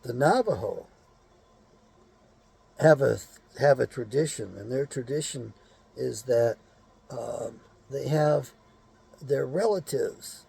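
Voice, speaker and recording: Gravelly, blunt man ranting. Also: mid-range voice, takes it slowly, long pauses, dark tone. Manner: blunt, cursing, rants with rhetorical questions. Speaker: show host. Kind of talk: rambling opinionated monologue.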